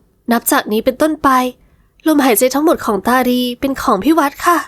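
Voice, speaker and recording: A woman voicing a sweet, emotional young wife in an audio novel, soft and earnest with a raised pitch. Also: fairly quick, dry recording, clean studio sound, close to an everyday voice. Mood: tender tearful.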